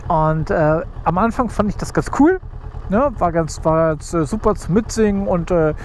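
A man's voice: high voice, expressive, normal speed. A man chatting casually and playfully to viewers in a rambling, colloquial way from inside a motorcycle helmet. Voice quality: muffled, enclosed sound of talking inside a helmet. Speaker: motovlogger. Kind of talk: casual chat to viewers while riding a motorcycle. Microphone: mic inside helmet. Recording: helmet mic with engine and road noise. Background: motorcycle engine, wind and traffic noise.

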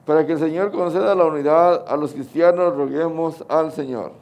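Higher-voiced middle-aged Mexican priest. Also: male voice, normal speed, darkish tone. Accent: Mexican Spanish. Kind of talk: sermon and prayers at Mass. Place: outdoors under a canopy at an altar.

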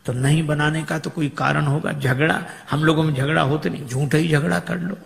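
A man's voice: on the high side, steady tone, a little fast, creaky. A man giving a storytelling sermon, acting out characters' voices with humour. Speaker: preacher. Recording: echoey hall with long reverb.

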